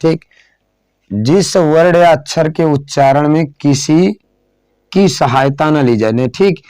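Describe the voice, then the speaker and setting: Slow, patient male teacher. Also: on the high side, darkish tone, clear, resonant tone, no room sound. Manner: slow, repeats phrases and asks then answers his own questions; drawn-out dictation while writing on a board. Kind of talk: classroom lesson.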